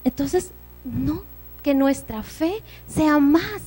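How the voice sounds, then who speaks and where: A woman's voice: high voice, expressive, extremely slow, mellow, soft background music. A woman giving a church sermon, preaching earnestly and conversationally with personal stories.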